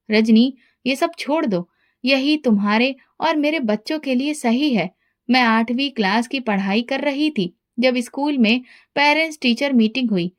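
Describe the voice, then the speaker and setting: A woman with a high voice narrates a scripted family story. She reads in an even, measured manner, keeping a steady storytelling tone.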